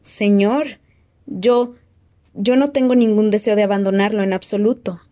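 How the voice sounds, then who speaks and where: A cowering, fawning servant man who stammers and squeaks with panic, voiced by a woman. The voice stays mellow and dark underneath, dry and close to the mic, as in a storybook reading. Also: steady tone, moderate pace, dry recording, close to an everyday voice. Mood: panicky.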